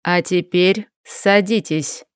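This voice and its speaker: A woman voicing a cold, menacing middle-aged male mage who talks in a slow, commanding way. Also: on the low side, steady tone, clean tone, no room sound, clean studio sound.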